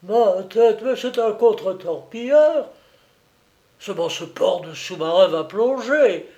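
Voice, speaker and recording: A man voicing a gruff, pious old male sailor in an audiobook, talking in loud, rough exclamations. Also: sits high, animated, slow pace, voice pushed up, full character voice. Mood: fierce, excited.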